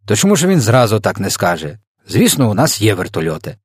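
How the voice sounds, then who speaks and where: A stiff, self-important military man from a storybook, played by a male reader, quick to take offence and proud of his rank. He keeps the tone clipped and huffy. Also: on the low side, sing-song, husky, no room sound, clean studio sound. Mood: indignant. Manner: indignant, stiff, pompous. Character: pompous, touchy male air marshal. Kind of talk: storybook character voice.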